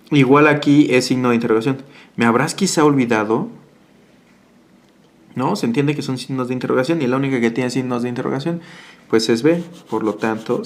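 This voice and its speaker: A man who tutors exam prep, patiently walking through answers with tag questions and filler pauses. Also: mid-range voice. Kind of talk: exam answer walkthrough lesson.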